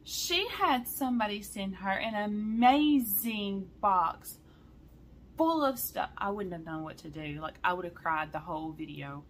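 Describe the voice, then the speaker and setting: A woman talks straight to her viewers about her stitching projects. She is chatty and excitable, with a mid-pitched voice and plenty of y'alls. A faint hum of room noise sits behind her. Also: measured pace. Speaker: cross-stitch vlogger. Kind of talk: casual chat to viewers.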